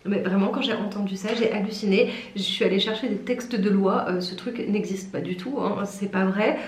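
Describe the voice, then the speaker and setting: A woman's voice: mid-range voice, normal speed, a little hiss or hum. A young woman in her twenties from France, telling a story in a chatty, self-mocking way and acting out the people in it with a raised voice. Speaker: pharmacy student vlogger. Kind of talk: casual storytelling vlog. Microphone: camera mic. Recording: roomy echo.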